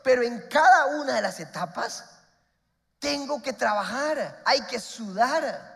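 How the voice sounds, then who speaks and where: A man preaching a sermon as pastor, emphatic, repeating his points and swinging between loud and soft. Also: very high-pitched, lively intonation, measured pace, creaky, in a large hall.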